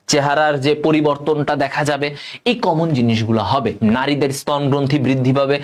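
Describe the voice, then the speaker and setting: A man's voice: mid-range voice, steady tone, normal speed. A young man, teaching a textbook biology lesson to exam students. He asks the class questions and answers them himself.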